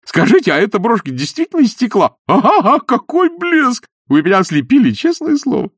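A man voicing a giddy, fawning man who gushes compliments in a very high, loud, exclamatory voice. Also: huge pitch swings, a little fast, husky, no room sound, clean studio sound, heavily acted. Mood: gushing. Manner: shrill, exclamatory, breathless gushing.

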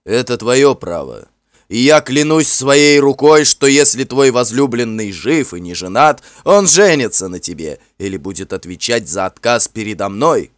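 A man's voice: medium pitch, animated, moderate pace, dry recording, studio quality, voice pushed up, close to an everyday voice. Finn, a bold warrior chief, as a man voices him. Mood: vehement. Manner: forceful, ringing declarations. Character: proud, warm-hearted warrior chief, bold and commanding.

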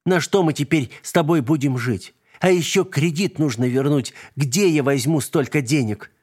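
A man's voice: on the high side, normal speed, darkish tone, husky, voice pushed up. A man voicing a frantic, emotional young mother in an audiobook, his voice raised and agitated. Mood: determined.

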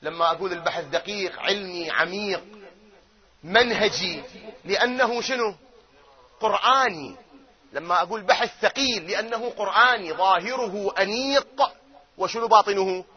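A man giving a religious lecture, who swings from loud chanting of verses to quiet asides and keeps asking his audience questions. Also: sits high, normal speed, dull audio. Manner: asks his audience questions and answers them himself. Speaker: cleric lecturing on doctrine.

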